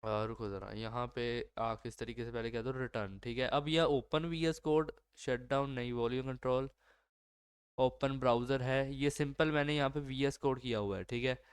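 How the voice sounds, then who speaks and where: A man's voice: mid-range voice, fairly even intonation, moderate pace, clear, resonant tone. A man with a sore throat talking through his code in a casual coding walkthrough, thinking aloud with lots of fillers and self-corrections. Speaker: coding tutorial host. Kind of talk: screen-recorded coding walkthrough.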